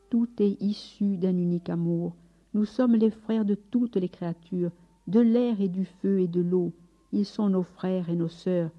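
A woman's voice: medium pitch, natural voice. A woman voicing a sick, humble male friar who prays devoutly and recites solemn praise. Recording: slightly dull recording with soft music.

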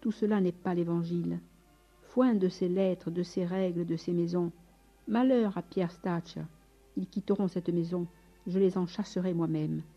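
A woman's voice: lowish voice, steady tone, unhurried, warm tone, faint music behind. A woman reading a fervent, frail old saint. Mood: indignant. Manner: fervent, exclaiming. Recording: dull lo-fi audiobook recording.

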